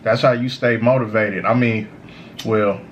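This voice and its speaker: A man who sounds high, giving a casual, slangy, meandering stoner monologue of motivational advice as a show host. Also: fairly even intonation, measured pace, slight background noise. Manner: repeats "you know" tags, informal slangy phrasing. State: high on cannabis. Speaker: host of a smoke session series.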